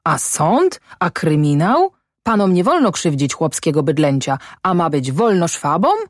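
A woman's voice: deep voice, sing-song, measured pace, dry recording, studio quality, exaggerated voice. A woman voicing an angry, stubborn peasant farm wife in an audiobook, scolding her husband with a rising voice. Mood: furious. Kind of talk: audiobook character voice.

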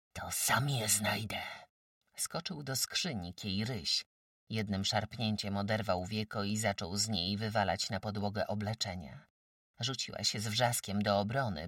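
A man narrating a classic novel as an audiobook, with dramatic, expressive storytelling. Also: on the low side, no room sound, clean studio sound, recorded from a distance.

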